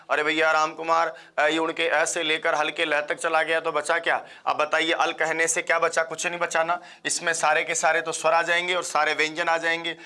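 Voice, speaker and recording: A man teaching a live online class, quizzing listeners and repeating questions and answers in a fast, chatty way. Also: a little high, bright, forceful tone. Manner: fast-paced, chatty, addresses viewers as friends. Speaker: Sanskrit exam teacher.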